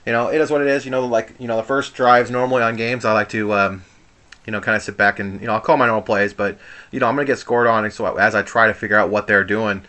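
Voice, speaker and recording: Bright-voiced man doing casual gameplay commentary. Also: fairly low pitch, steady tone, fast. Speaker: gamer commentating on own gameplay.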